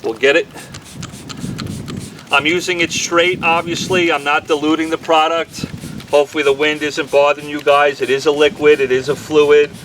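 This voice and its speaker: A man with a New York accent reviewing a cleaning product in a casual, candid, quick-talking way, recorded outdoors on a windy day with a camera mic. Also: a little high, flat delivery. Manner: talks fast, chatty and candid. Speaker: auto detailer reviewing products. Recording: faint wind and outdoor noise. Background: outdoor ambience and breeze.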